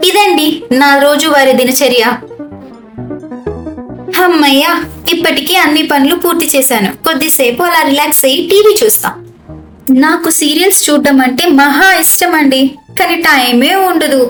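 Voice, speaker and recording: A woman's voice: high-pitched, moderate pace, roomy sound, faint music behind, close to an everyday voice. A young woman playing a put-upon daughter-in-law who chats to the audience and turns sweet with a sly edge. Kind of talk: amateur family comedy skit.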